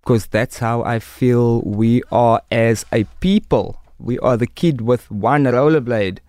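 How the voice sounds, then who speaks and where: A man's voice: medium pitch, slow pace, a little mellow, dry recording, studio quality. A man with a Cape Town Coloured South African accent, talking with conviction in conversation and explaining through examples and analogies. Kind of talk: impassioned conversation.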